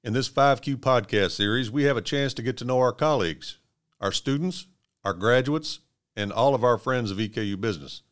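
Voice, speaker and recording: A man from Kentucky hosting a scripted interview podcast in a measured, encouraging way. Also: mid-range voice, a bit bright, clear, resonant tone. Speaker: podcast host.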